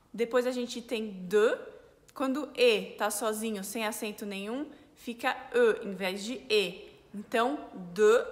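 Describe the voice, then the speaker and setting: A woman with a Brazilian Portuguese accent, a French teacher, explaining pronunciation clearly step by step. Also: a little high, bright, forceful tone, in a large hall. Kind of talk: pronunciation lesson.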